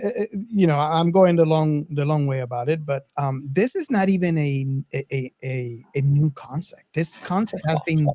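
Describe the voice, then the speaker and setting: A man hosts a casual film-discussion podcast in a voice on the high side with a darkish tone. He rambles, repeating and restarting his phrases as he circles back. The sound is studio quality with no echo.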